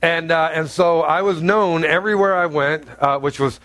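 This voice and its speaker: A pastor from North Carolina preaches a sermon in a church sanctuary, speaking bluntly and conversationally with jokes and frequent asides. His voice is deep and carrying yet higher than typical for a man, fairly bright, with fairly even intonation at normal speed. The sound is close and dry, with little echo from the room.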